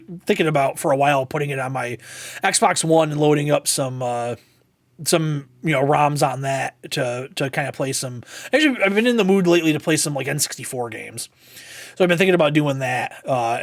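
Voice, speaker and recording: Young guy chatting about game news, kinda high voice, dry close sound, lots of ums. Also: dry recording. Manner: rambling, frequent fillers and restarts. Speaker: podcast host. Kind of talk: casual gaming news commentary.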